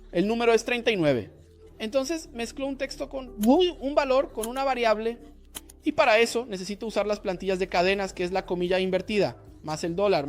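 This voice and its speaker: A man teaching a coding lesson, explaining each step and asking rhetorical questions to the viewer. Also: high-pitched. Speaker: programming instructor. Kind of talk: screen-recorded coding lesson.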